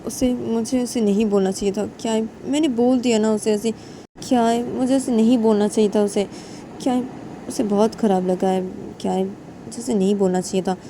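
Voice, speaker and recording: A woman's voice: on the high side, fairly even intonation, normal speed, mellow, slight background noise, voice pushed up, lightly acted. Woman voicing a regretful elder sister. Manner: repeating herself with regret.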